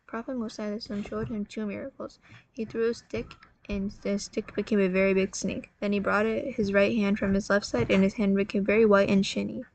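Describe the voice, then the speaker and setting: Tired woman narrating with a gravelly edge. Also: medium pitch, little pitch movement, darkish tone. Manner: halting, self-correcting, apologetic. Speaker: storyteller. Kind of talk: casual religious story narration.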